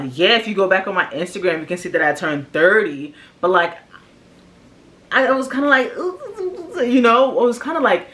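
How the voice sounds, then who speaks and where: Her voice is lowish and a bit bright: an American woman in her early thirties, vlogging. She opens up to viewers in a relaxed, slangy way, offering casual personal reflection.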